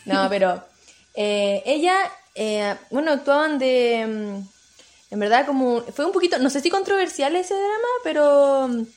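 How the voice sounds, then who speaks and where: Playful high-voiced Chilean woman. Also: lively intonation, unhurried, darkish tone. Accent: Chilean Spanish. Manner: playful, laughs often, sings snippets. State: sore throat. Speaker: podcast co-host. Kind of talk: casual chat.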